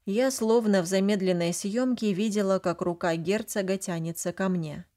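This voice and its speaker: A woman's voice: mid-range voice, moderate pace, warm tone. A woman narrating a first-person fantasy audiobook, flustered and emotional in the heroine's lines.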